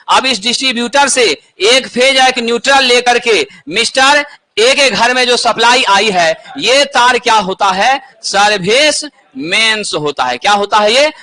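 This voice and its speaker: A man's voice: high-pitched, sharp tone. A man teaching an exam-prep lesson, asking questions and answering them himself.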